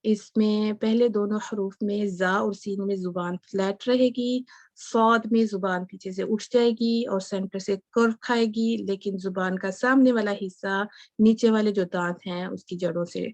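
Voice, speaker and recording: A woman teacher gives a patient recitation lesson, explaining slowly and checking in with her students. Her voice sits at an ordinary middle pitch. The recording is dry and close, with no room sound. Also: fairly even intonation, a little mellow, dry recording. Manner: mixes English words into her explanation. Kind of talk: online tajweed lesson.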